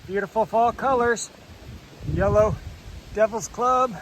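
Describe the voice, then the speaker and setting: A man chatting casually as he vlogs outdoors on his rural property, relaxed and full of fillers, a bit out of breath. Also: high voice, takes it slowly, slight background noise, low-quality recording. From Alaska. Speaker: homesteader vlogger. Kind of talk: casual outdoor vlog narration.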